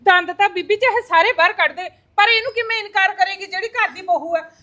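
An actress plays a melodramatic daughter of the house who throws up her hands at her mother. Her voice is very high and bright. She exclaims and pleads in a rush of complaints. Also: a little fast. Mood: exasperated. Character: exasperated, dramatic daughter of the house. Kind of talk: village family drama acting.

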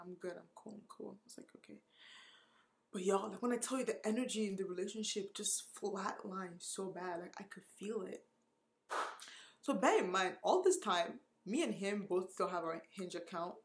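Woman, twenties, from Nigeria, storytime vlog, candid and emotional, near tears, mid-pitched voice. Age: 20s. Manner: candid, emotional, heavy use of "like" and cursing. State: tearful, close to crying. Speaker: vlogger.

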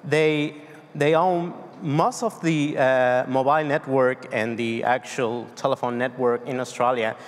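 The speaker is a conference presenter, an Argentine man in his thirties with a Spanish accent, talking tech from the stage of a large, dark hall. He has a medium pitch, a steady tone and a measured pace, yet his delivery stays loose and hesitant with lots of fillers and restarts. Long hall reverb colors the sound.

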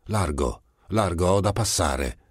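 A man voicing a furious, defiant young mother who works as a maid, shouting threats. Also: low voice, expressive, slow pace, slightly rough, no echo, clean studio sound, full character voice.

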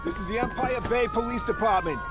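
A man voicing a police officer who calls out loud, stern commands through a megaphone in a video game. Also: extremely high pitch, a little fast, heavy background noise. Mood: commanding. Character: male police officer calling out a standoff. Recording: distant megaphone over loud gunfire.

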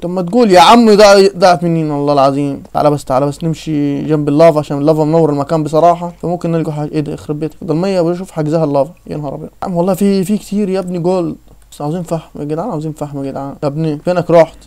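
Young egyptian dude gaming, talks super fast, kinda high voice, jokey and loud at times. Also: male voice. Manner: excitable, joking, loud outbursts. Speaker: gaming channel host. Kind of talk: casual let's-play chat.

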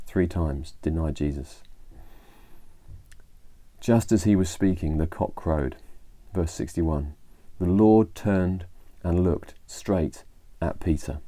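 Low-voiced english guy chatting through a bible story, really mellow tone, dry sound. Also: takes it slowly, no echo. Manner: conversational, retelling Bible stories with fillers and restarts. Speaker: church leader. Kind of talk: informal devotional talk.

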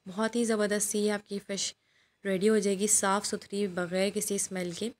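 A woman's voice: mid-range voice, level tone, normal speed. A middle-aged woman from Pakistan, narrating her vlog in a chatty, instructive way. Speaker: vlogger. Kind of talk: voice-over narration.

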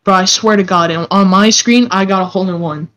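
A man's voice: high-pitched, fairly even intonation, fairly quick, a bit bright, muffled recording. Teasing young man on voice chat. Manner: teasing, boastful banter. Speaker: gaming friend. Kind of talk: casual gaming chat.

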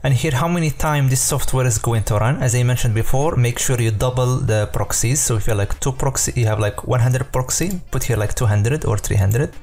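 Speaking at medium pitch, a mellow man explains software a bit fast and with few pauses. The screen-recorded tutorial is casual, his speech loose, full of fillers and self-corrections.

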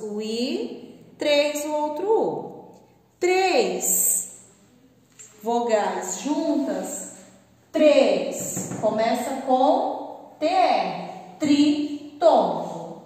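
Patient woman teacher, very slow and lively-pitched, recorded from afar in a roomy, echoing classroom. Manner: slow, patient, spells out syllables. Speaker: school teacher. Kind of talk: recorded classroom lesson for pupils. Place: classroom with a board. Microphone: camera at a distance. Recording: echoey room, far from the mic.

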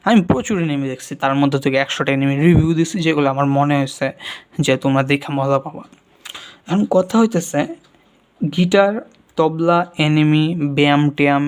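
Earnest young man, soft-spoken vlog advice. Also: fairly high pitch. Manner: earnest, talks straight to viewers; speaks quietly at night. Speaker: YouTuber.

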